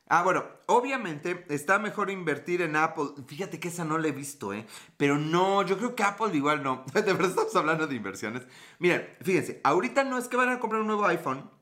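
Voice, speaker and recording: Joking, foul-mouthed Mexican streamer. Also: male voice, fairly high pitch, pushed and bright. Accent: Mexican Spanish. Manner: joking and crude, swears freely. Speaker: live streamer. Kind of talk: casual live-stream chat answering viewers.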